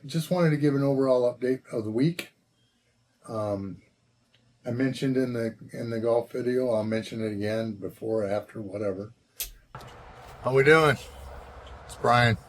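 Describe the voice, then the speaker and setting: A man in his sixties giving a casual vlog check-in outdoors, talking in a relaxed, rambling way with plenty of fillers. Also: mid-range voice, unhurried, pauses often. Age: 60s. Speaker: vlogger. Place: outdoors, walking and at a golf course.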